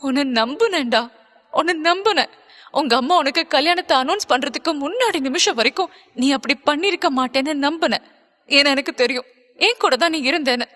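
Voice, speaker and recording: A woman's voice: high-pitched, bright, forceful tone, long reverb tail, exaggerated voice. A woman voicing a hurt and angry young woman who accuses her lover, in an audiobook. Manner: accusing, bitter, pleading.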